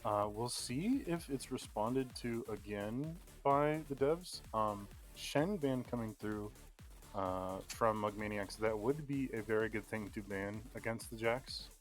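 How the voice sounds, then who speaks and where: A man calling a live esports draft pick by pick in steady play-by-play, with frequent ums. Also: lowish voice, a little slow, faint music behind. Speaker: play-by-play caster.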